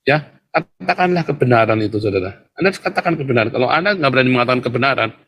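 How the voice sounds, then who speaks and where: A man holds forth on a livestream, needling his viewers with provocative, scornful talk and turning to them again and again. His voice sits at an ordinary middle pitch, and his tone stays mocking throughout. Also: lively intonation, rapid-fire, a bit bright, breathy edge. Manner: mocking, provocative, keeps addressing viewers directly; laughs scornfully. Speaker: livestream host. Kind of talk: livestream commentary.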